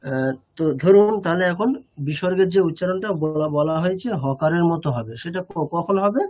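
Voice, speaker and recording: A man's voice: fairly high pitch, moderate pace, a little mellow. A man teaching an online class over a video call, explaining patiently and often stopping to check that his students follow.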